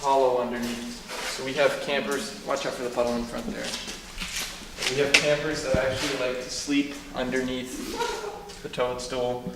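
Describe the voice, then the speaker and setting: A man's voice: mid-range voice, level tone, normal speed. Man guiding a tour in an echoing cave. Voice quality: cave echo on the voice. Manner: explanatory, pointing out features. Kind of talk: informal guided tour talk. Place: inside a cave. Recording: echoing cave, distant mic, clear noise.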